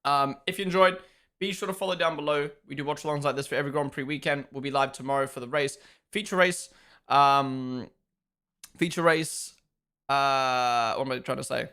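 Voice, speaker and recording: A man's voice: mid-range voice, normal speed, pushed and bright, clean tone. Chatty New man hosting a stream. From New Zealand. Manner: chatty, loose and swearing. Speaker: live stream host. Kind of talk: casual live watch-along chat.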